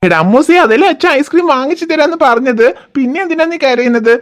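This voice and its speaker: Woman voicing a gentle cartoon dad. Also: sits high, fast, natural voice. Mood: soothing. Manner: soothing, coaxing, reassuring. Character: gentle patient father, soothing. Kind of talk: cartoon voice acting.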